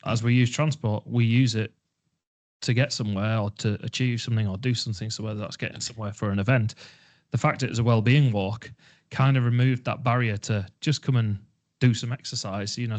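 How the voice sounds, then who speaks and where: A man hosting an online team meeting, talking in a relaxed, reflective way with fillers. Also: medium pitch, brisk. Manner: conversational, reflective, uses fillers. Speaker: webinar host. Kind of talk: casual online meeting chat.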